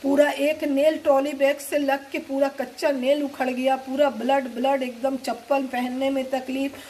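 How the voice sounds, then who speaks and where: High-voiced woman vlogger with a cold. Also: level tone, a little slow, a little mellow, slight background noise. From eastern India. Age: middle-aged. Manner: chatty, rambling, addresses viewers as friends. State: has a cold and fever. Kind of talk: casual storytelling to camera.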